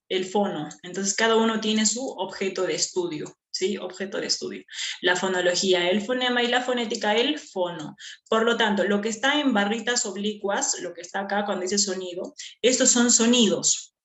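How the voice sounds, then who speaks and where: Patient woman teacher. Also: mid-range voice. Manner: patient, repeats key terms, checks in with "¿ya?". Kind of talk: explaining a linguistics lesson. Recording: echoey room.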